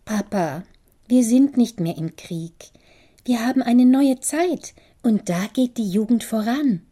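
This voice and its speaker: A woman's voice: fairly high pitch, lively intonation, slow, pitched above the performer's own voice. A woman voicing a spirited, defiant young daughter who has caught a cold, answering back sharply. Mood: eager. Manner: sharp, challenging retorts.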